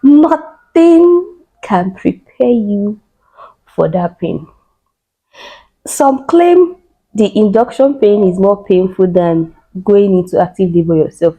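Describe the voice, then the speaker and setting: A young adult woman host telling a personal story on a podcast, expressive and dramatic, with cries, sighs and emphatic repetition. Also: mid-range voice, a little slow, husky, poor audio.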